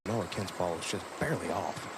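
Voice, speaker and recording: A man's voice: sits low, a little fast, creaky. Man calling golf amid strong outdoor noise. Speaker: golf commentator and presenter. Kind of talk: live golf commentary. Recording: loud outdoor course noise.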